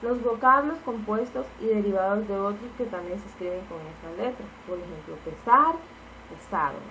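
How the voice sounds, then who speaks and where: A woman's voice: mid-range voice, moderate pace, sharp tone, slight background noise, low-quality recording. A woman teacher giving a spelling lesson, explaining each rule patiently and repeating the key points.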